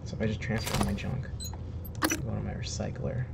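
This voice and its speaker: Playing a video game from his room at home, webcam in the corner, a young man gives chatty, joking let's-play commentary, reading the game's text aloud and laughing at himself. His voice is on the low side, level in tone, at a moderate pace, and slightly hoarse since he says he's sick and losing his voice. Heavy background noise fills the recording.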